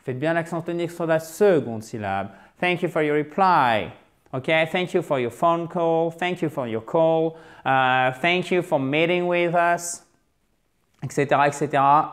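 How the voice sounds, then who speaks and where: A man teaching a lively video lesson at a whiteboard, often checking in with the viewer and stressing syllables carefully. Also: a little high. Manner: animated, checks in with frequent "ok?", spells words out and stresses syllables. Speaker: English teacher. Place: in front of a whiteboard.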